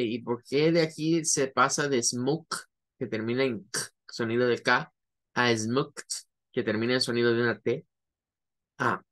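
A man teaching English phrases in a classroom lecture, explaining step by step and repeating examples slowly. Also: medium pitch. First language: Spanish.

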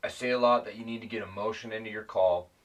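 A man with a very low voice talks through a how-to in a loose, plain-spoken way, circling back and restarting his sentences. He sounds a little set back from the microphone. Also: fairly even intonation, quick pace, recorded from a distance, lo-fi sound. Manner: rambling, plain-spoken, self-correcting. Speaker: predator calling instructor. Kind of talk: casual instructional talk.

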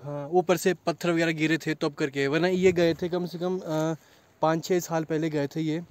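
A man's voice: on the high side, flat delivery, normal speed. A young man vlogging outdoors by a cave, out of breath and a little nervous, talking to viewers as brothers while holding a phone camera. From India. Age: young adult. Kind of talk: casual outdoor vlog. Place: hillside and inside a rock cave. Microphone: handheld phone camera.

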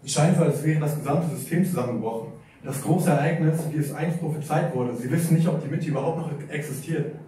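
A harried secretary of hell, weary and dutiful, read by a man at a live staged reading. His voice is mellow and fairly high for a man, caught far off in an echoey hall. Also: fast talker, natural voice.

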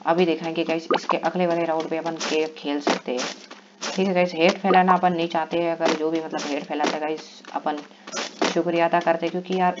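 An excitable man narrates his game as he plays, breaking into yells and pleas. The recording is dull and lo-fi. A clear layer of background noise runs underneath him. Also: a little high, a little fast. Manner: excitable, yelling and pleading in bursts. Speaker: gaming vlogger. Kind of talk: live game commentary.

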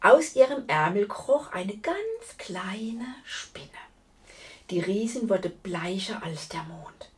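A woman reading a fairy tale aloud to children in an expressive way, talking to her listeners directly. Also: mid-range voice, takes it slowly, recorded from a distance. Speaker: storyteller.

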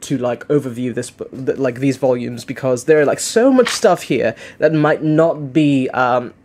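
Speaking at normal speed with a slightly mellow, mid-range voice, this unboxing host is a young man indoors in a living room. His commentary is casual and unscripted, rambling and hesitant, full of self-corrections.

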